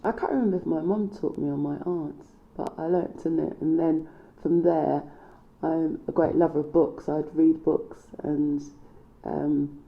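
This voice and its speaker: A woman's voice: sits low, steady tone, unhurried, creaky. A middle-aged British woman giving a conversational, self-filmed talk as a knitter and researcher, recorded on an indoor staircase. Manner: conversational, playfully questioning herself. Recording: dull, echoey stairwell sound.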